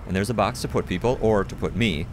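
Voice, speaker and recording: A man's voice: on the low side, fast, noisy background. A man hosting a let's play video, giving a chatty running commentary with self-mocking asides. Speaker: gaming video host. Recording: commentary over game audio with music.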